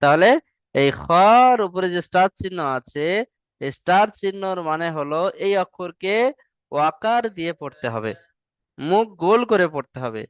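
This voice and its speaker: A man's voice: sits high, expressive, normal speed, clear, resonant tone, dry recording. A male teacher, patiently drilling Arabic letters in an online class and stretching the sounds long. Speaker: Quran reading teacher.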